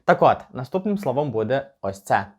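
A man's voice: medium pitch, big pitch swings, background noise. Chatty man teaching English pronunciation. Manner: chatty, slows down to spell out words. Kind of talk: casual pronunciation lesson.

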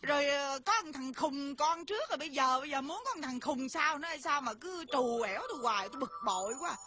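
A woman's voice: high voice, lively intonation, quick pace. A woman playing a fretful, touchy pregnant wife in comic folk-opera, complaining and weepy. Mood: nagging complaint. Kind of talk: comic folk-opera acting with sung verses. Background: loud stage music.

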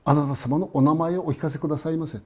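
A man voicing a grieving, humble old village father who speaks with deep deference. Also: fairly even intonation, quick pace, close to an everyday voice. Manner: deferential, very polite speech.

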